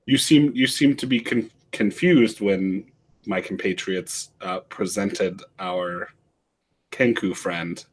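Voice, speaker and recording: A man's voice: deep voice, slow, breathy edge. A man playing a tabletop game, talking casually and putting questions in a tentative way.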